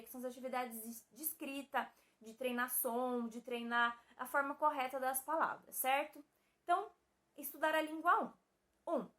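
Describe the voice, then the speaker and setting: Bright high-voiced Brazilian woman teaching. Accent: Brazilian Portuguese. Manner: explains step by step, keeps checking in with "certo?" and "tá?". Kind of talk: recorded video class.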